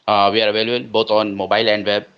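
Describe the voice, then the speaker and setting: Man, lowish voice, choppy cutting-out internet audio, dull lo-fi call sound, halting delivery. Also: flat delivery, clean tone. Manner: halting, slow, with many fillers. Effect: choppy audio from a cutting-out internet connection. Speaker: guest presenting a project. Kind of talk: brief scripted-sounding pitch on an audio call. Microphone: online audio call.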